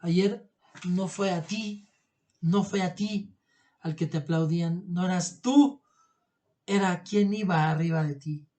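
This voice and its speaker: A man voicing the other donkeys in a stable, slowly explaining a lesson. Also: high voice, dark tone. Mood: wise. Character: annoyed older donkeys in the stable, scolding.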